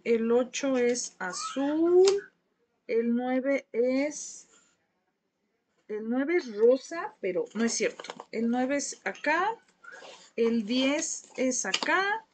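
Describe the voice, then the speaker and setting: Casting: Mexican woman, craft teacher, a bit high-voiced, gossipy and warm with her viewers on a live class. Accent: Mexican Spanish. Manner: chatty, gossipy, coaxing viewers to talk. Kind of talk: live painting class chat.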